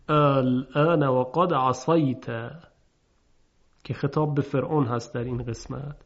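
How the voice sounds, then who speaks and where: A man gives a recorded recitation lesson in a steady, explanatory manner, stretching out example words so the sounds can be heard. His voice sits a little high for a man. The recording is muffled and lo-fi. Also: vocal fry. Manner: measured and explanatory, slowly drawing out example words. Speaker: Quran recitation teacher.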